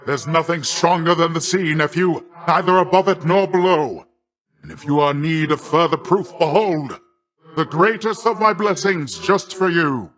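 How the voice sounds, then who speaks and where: For a video game, a man performs voice lines as a sea god: middle-aged, boastful, a hearty uncle who dotes. His fairly high, slightly bright voice carries a jovial, grandiose theatricality.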